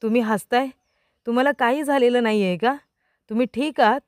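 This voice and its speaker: A woman's voice: a little high, brisk, dry recording, studio quality, natural voice. A woman voicing an anxious young wife. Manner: pleading, anxious questions.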